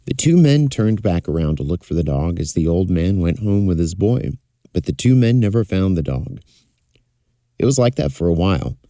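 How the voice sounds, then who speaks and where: A man's voice: fairly low pitch, mellow, no room sound, clean studio sound. A man telling a folktale in a fireside storytelling style, as narrator. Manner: acts out characters' dialogue.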